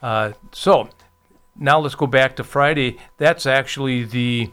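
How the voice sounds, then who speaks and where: A man speaks as a guest in a casual interview, chatty and full of "uh" pauses. His voice sounds clear and resonant. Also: mid-range voice, a bit bright. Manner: chatty, many filler pauses. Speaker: festival committee member, guest.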